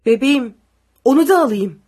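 A woman voicing a frightened father pleading loudly. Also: sits high, expressive, fast, voice pushed up. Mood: desperate pleading. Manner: loud desperate pleading. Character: frightened young father clutching his sick baby.

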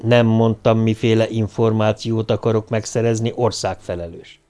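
A man voicing a calm, cold, politely measured male imperial officer while reading an audiobook. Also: on the low side, close to an everyday voice. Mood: cool.

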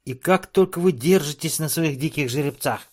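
A squeaky, trembling little dwarf, voiced by a male narrator, whines and bleats in a high, strained voice. He sounds chilled to the bone and grasping, an audiobook character pitched far above the reader's own tone. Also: normal speed, close to an everyday voice. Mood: whining, complaining. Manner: shrill, bleating, exclaiming. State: trembling with cold. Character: shivering, whining little male dwarf gun trader.

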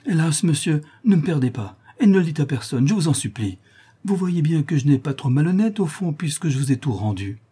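Young peasant maid, tearful, pleading, high raised voice, voiced by a man. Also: sing-song, brisk, warm tone, husky, exaggerated voice. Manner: pleading, breaking into tears.

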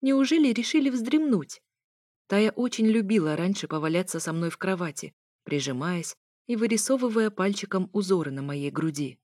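A woman narrating a first-person audiobook with wry, lively storytelling. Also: mid-range voice, normal speed, dry recording. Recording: dry close recording.

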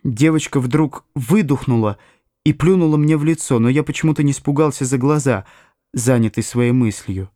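A man narrating an audiobook in a measured, dramatic first-person telling. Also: mid-range voice, dark tone, no echo, clean studio sound. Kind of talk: audiobook reading.

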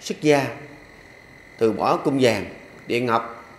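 A man's voice: medium pitch, expressive, slow pace, slight background noise. A man, a Buddhist monk, giving a dharma talk to lay followers in a folksy, repetitive way with humorous asides. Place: temple hall. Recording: echoey hall with faint ambience.

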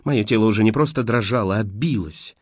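A man's voice: on the low side, fairly quick, breathy edge, no echo. A man reading a novel aloud as scripted first-person narration, on a dull, dry recording. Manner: expressive reading. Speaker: audiobook reader.

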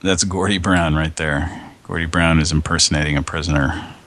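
A man hosting a casual radio show, hoarse with a scratchy throat, rambling and meandering as he talks. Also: rumbling low, steady tone, moderate pace, fairly bright tone. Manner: rambling, meandering, chuckling often.

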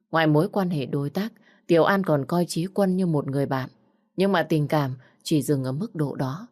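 A woman narrating a romance novel in a measured, even reading style. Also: low voice. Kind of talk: scripted storybook narration.

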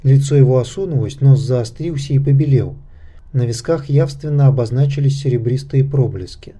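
A man reads a fantasy audiobook with steady, measured narration. His tone is deep and dark, mellow rather than bright, at an ordinary male pitch. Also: husky. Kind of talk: scripted narration.

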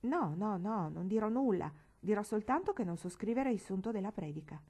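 A woman's voice: medium pitch, animated, normal speed, warm tone, slightly rough, voice pushed up. A woman voicing an earnest, anxious young girl in a storybook, speaking in a pleading, somewhat dramatic way. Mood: insistent.

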